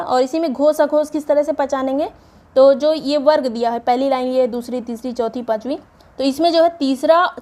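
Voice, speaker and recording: High-voiced woman teaching an exam prep lesson. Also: a little mellow. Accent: Hindi, North Indian. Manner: explains step by step, reads word lists aloud.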